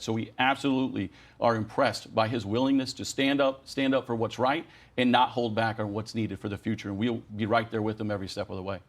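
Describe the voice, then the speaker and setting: Speaking for his union as its president, this air traffic controllers' representative pleads his position with earnest conviction in a news interview. His pitch stays mid-range, and his sentences run long, packed with emphatic calls to rally.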